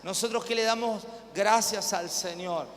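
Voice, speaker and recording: A male pastor with an Argentine Spanish accent delivers a live sermon to a congregation in a church hall, speaking emphatically, repeating phrases and calling for amens. His voice is high and fairly bright, steady in tone and measured in pace. Hall reverb and faint room noise fill the recording.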